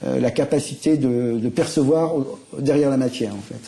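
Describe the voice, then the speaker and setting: Halting man with a gravelly, dark voice. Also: medium pitch. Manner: hesitant, halting. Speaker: guest. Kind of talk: interview answers.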